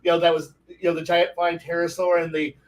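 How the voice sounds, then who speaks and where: A man who runs tabletop games, telling profane, animated stories full of gory combat detail in a casual panel discussion. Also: on the high side, a little fast, recorded from a distance, rough recording. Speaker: game master on a discussion panel.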